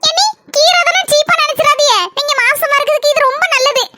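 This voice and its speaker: A woman's voice: very high-pitched, fast talker, pushed and bright, no room sound. A woman voicing a chatty, meddling sister-in-law in a comic cartoon, with a Kanyakumari Tamil accent and a fussy, chattering manner. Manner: fussy, chattering, nosy advice.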